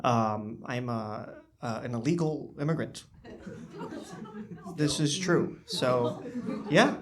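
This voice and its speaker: A young man doing a stand-up comedy set in a small club, talking into a handheld microphone with a dry, understated delivery and halting restarts. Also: mid-range voice, crowd noise. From born in China, raised in the US. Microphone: handheld stage microphone.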